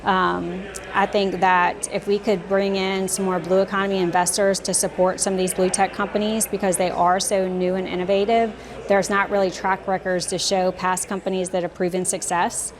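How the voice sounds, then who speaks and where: A woman leading a startup program, giving interview answers in a steady way with frequent ums. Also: medium pitch, normal speed, few pauses. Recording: crowd chatter behind. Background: crowd.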